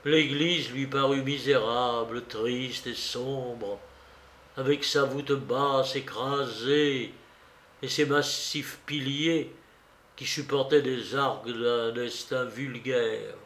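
A man narrating a literary audiobook in a measured, expressive reading style. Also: medium pitch. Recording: roomy, echoey recording.

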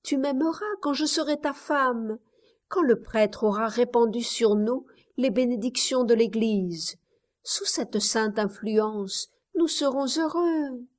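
A woman voicing a gentle young Spanish woman who speaks softly and reproachfully in a storybook reading. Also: fairly high pitch, takes it slowly, pitched above the performer's own voice. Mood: pleading, proud. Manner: soft, reproachful delivery.

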